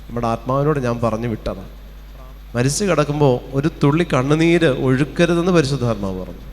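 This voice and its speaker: A man's voice: medium pitch, a little fast, a little mellow. A man with a Kerala Malayalam accent preaching a fervent sermon at a retreat, calling out hallelujahs and firing rhetorical questions. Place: retreat centre hall. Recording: long hall reverb.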